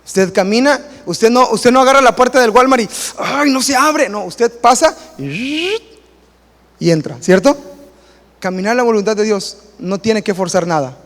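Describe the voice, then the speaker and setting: A man preaches a sermon, his voice sitting high and bright for a man. He is animated and playful, slipping into quoted voices as he tells stories to his congregation. The sound carries a long reverb from the church hall. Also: moderate pace. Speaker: pastor.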